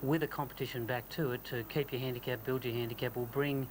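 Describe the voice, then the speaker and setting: A man's voice: medium pitch, steady tone, quick pace, noisy background. A man speaking as a sports executive in an informal broadcast interview. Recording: broadcast with clear background ambience.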